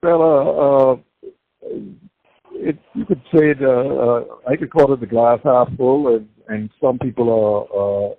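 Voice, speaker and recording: An older Bahamian man, a prisoner being interviewed, speaks over a tinny prison phone line in a dry recording. His lowish voice has a breathy edge, and he talks haltingly and devoutly in casual conversation, with many fillers and repeats.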